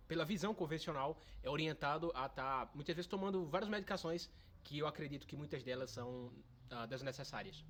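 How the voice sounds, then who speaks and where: A man's voice: fairly high pitch, fairly bright tone, slight background noise. A man, a nutritionist guest explaining things with enthusiasm. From Brazil's Northeast, Pernambuco. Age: 20s. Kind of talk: interview answers.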